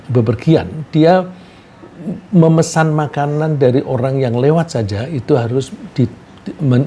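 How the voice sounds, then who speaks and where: A man preaching a sermon, telling a cautionary story in a measured way and posing rhetorical questions. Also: medium pitch, warm tone, a little hiss or hum.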